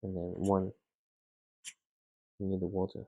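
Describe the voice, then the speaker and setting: Putting together a toy set at home, a man talks quietly in a relaxed vlog, his non-native English halting, filler-heavy, and dry-throated. He has a low voice with a completely flat delivery, heard through narrow, tinny audio.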